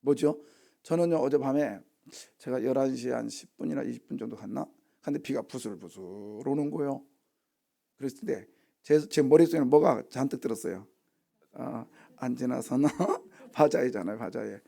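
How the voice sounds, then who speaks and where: A man's voice: mid-range voice, moderate pace, creaky, dark tone. A male pastor giving an early morning sermon in a conversational way, asking the congregation questions and acting out the voices he quotes.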